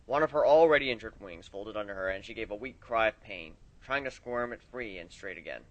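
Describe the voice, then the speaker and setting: A man reading fan fiction aloud, expressive, his loudness rising and falling with the story. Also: on the low side, a little fast, no echo, highs cut off.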